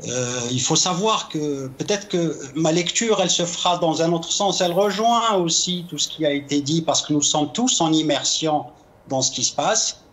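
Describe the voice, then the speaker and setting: A man speaking as a guest consultant in a political interview, formal and measured with hesitant starts. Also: a little high, a bit bright.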